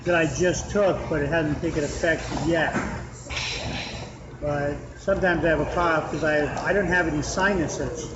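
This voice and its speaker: A man with a slightly high, nasal voice hosts a podcast, rambling through casual chat and restarting often at a moderate, steady pace. He's in a restaurant with a fan running, and the recording is muffled with clear background noise.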